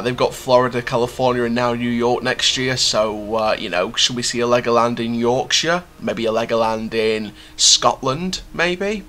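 A man's voice: mid-range voice, sharp tone. A young man from the United Kingdom giving a theme park news update in a chatty way, with many fillers and restarts, recorded in a small room at home with the camera close to his face. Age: young adult. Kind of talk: news update reading, then casual commentary.

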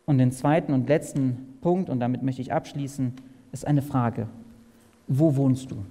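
A man preaching a sermon, asking his listeners direct questions and swinging between loud and soft. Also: medium pitch, unhurried. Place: large hall at a camp meeting. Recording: long hall reverb.

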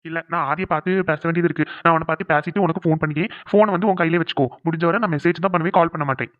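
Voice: medium pitch, fairly even intonation, rapid-fire, no echo, close to an everyday voice. A performer voicing a worried young man in a cartoon who soothes and coaxes his tearful sweetheart. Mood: coaxing. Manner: soothing, coaxing. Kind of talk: cartoon voice acting. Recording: dry, tinny phone-like sound.

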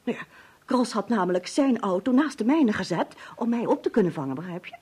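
A composed detective's wife in an old radio show, talking briskly and reassuringly. The voice is husky with a rough edge and sits at an ordinary middle pitch. It has the polished, deliberate delivery of 1950s radio drama acting. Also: female voice, expressive, darkish tone. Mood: calm, explaining. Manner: brisk and reassuring, explains things steadily. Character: composed, resourceful adult woman assisting a detective.

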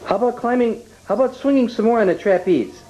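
A woman's voice: fairly high pitch, quick pace, warm tone. A woman filming a small child in a basement, praising and coaxing him in a sing-song way. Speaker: family member filming a child. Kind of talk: home video, talking to a child. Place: house basement. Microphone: camcorder microphone. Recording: muffled 1990s camcorder tape with hiss.

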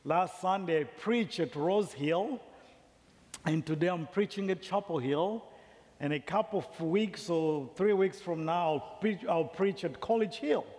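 Slow-spoken Zambian-born preacher in a church. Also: male voice, sits high, darkish tone. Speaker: district superintendent preaching. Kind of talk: sermon. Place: large church sanctuary. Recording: long reverb of a large church hall.

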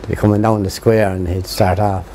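A man in his seventies with an Irish accent, reminiscing in a halting, conversational interview outdoors. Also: lowish voice, flat delivery, dark tone, slight background noise. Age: 70s. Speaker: local interviewee recalling town history. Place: outdoors, sheltered spot by a garden.

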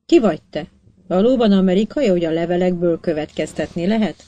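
A woman's voice: fairly low pitch, dark tone, highs cut off, close to an everyday voice. A woman reading an audiobook, voicing a stern, commanding male ship captain.

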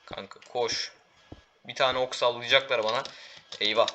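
A teenage boy giving excitable live commentary while playing a game, calling out to teammates and viewers. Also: medium pitch, normal speed, slight background noise. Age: teens. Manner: excitable, talks to teammates and viewers, frequent exclamations. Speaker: gaming YouTuber.

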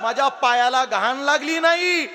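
A man's voice: very high-pitched, normal speed, pushed and bright, voice pushed up. A man preacher voicing a four-year-old boy who talks in a childish, whining way to his mother. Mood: proud. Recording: long hall reverb.

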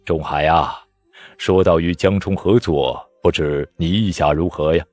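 Man voicing gruff scolding older official. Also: deep voice, a little slow, a little mellow, pitched below the performer's own voice. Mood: coaxing. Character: stern, testy senior official, older man.

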